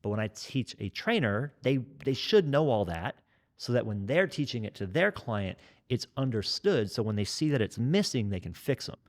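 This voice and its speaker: A man's voice: medium pitch, very animated, moderate pace. A man in his forties with a nasal voice, a fitness educator chatting at length on a podcast and explaining everything in detail. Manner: talkative, over-explaining, joking. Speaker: kettlebell trainer and fitness educator. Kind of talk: casual podcast conversation.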